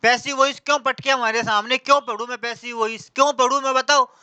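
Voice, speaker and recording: Grumbling young male student, acted by a man: fast, indignant complaints in a bright, close, dry voice. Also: very high voice, fairly even intonation, clear, resonant tone, no room sound, heavily acted.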